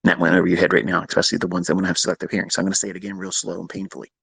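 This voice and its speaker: A man hosting a live audio room, lecturing traders in a blunt, scolding way and slowing down to stress points. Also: sits low, level tone, creaky, a bit bright, husky, no echo. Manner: blunt, scolding, slows down for emphasis. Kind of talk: lecturing monologue. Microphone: remote audio call.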